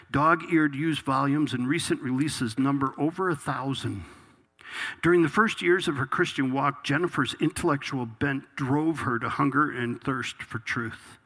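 A man's voice: mid-range voice, fairly bright tone. A man preaching a sermon, reading a passage aloud and then exhorting the congregation with growing intensity. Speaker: pastor.

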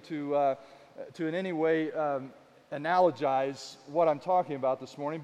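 A man's voice: a little high, a little mellow, long reverb tail. A man in his fifties, a pastor preaching a sermon in a folksy, storytelling way with casual asides.

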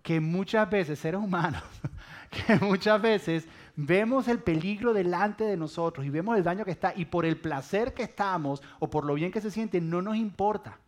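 Sex: man. Role: preacher. Style: sermon. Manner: lively, humorous storytelling. Pitch: fairly high. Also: moderate pace.

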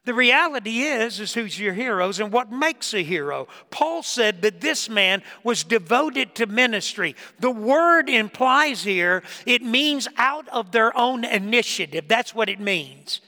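A man preaching a sermon in a church, telling stories with emphasis and dropping between loud lines and hushed ones. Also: very high-pitched, animated, measured pace, few pauses. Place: church sanctuary. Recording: reverberant church hall.

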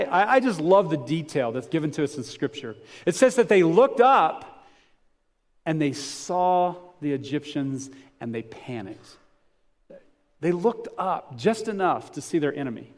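A man's voice: medium pitch, darkish tone. A man preaching a sermon as pastor, talking conversationally, with rhetorical questions and frequent restarts.

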